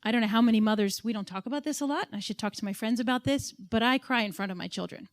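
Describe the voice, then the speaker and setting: A woman's voice: fairly high pitch, racing. Candid, emotional woman panelist. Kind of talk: personal story at a panel.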